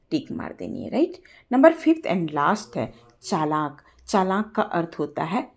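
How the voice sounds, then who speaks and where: Woman teacher going thru grammar answers real slow, kinda gravelly voice. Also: lowish voice, a little mellow. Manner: explains step by step, asks rhetorical checks. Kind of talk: Hindi grammar lesson.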